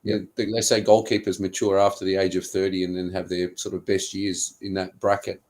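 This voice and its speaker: A man co-hosts a football talk show, asking questions and adding commentary. He speaks in a measured, slightly hesitant way, with a low voice. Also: flat delivery, a little mellow. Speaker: co-host.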